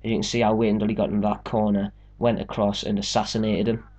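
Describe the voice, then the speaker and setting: Man, young adult, low-pitched, casual game commentary, step-by-step. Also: little pitch movement, quick pace, darkish tone. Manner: chatty, joking, explains step by step. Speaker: game walkthrough host.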